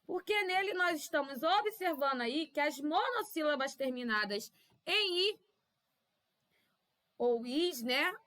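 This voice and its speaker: A woman with a Brazilian Portuguese accent teaching young children in a recorded class, with drawn-out syllables and constant "tá?" checks. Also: high voice, animated, fairly bright tone. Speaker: primary school teacher.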